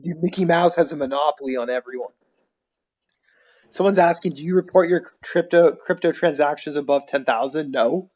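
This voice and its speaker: A man's voice: a little high, moderate pace, darkish tone, dull audio. A man hosting a livestream, chatting casually and reading viewer comments aloud. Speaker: livestream host.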